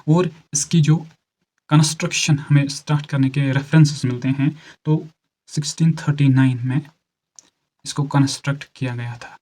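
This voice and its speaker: Slow, deliberate man quizzing exam students. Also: mid-range voice, fairly even intonation, darkish tone, rough recording. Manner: slow and deliberate, repeats key answers for note-taking; quizzes students and urges quick answers. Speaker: exam-prep teacher. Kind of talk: exam-prep lecture mixing Hindi and English.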